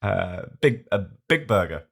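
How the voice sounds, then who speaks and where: A man's voice: sits low, big pitch swings, measured pace, vocal fry, slightly rough. A man co-hosting a podcast in casual, jokey, rambling chat. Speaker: podcast co-host.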